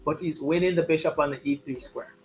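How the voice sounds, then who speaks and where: A man's voice: fairly high pitch, fairly even intonation, fast talker, darkish tone, faint music behind, poor audio. A man giving live chess commentary and chatting, repeating his key points for emphasis.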